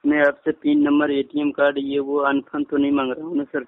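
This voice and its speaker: A customer care agent on a phone line, this man has a slightly high, gravelly voice with a totally flat delivery and fairly quick pace. He keeps insisting and repeating himself to persuade, politely saying sir.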